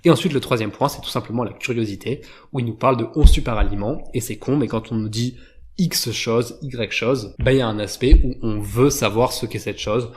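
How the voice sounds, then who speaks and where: A man's voice: mid-range voice, fairly quick. A man explaining advertising and copywriting in a casual, informal way, with frequent fillers and self-corrections. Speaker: YouTube marketing educator.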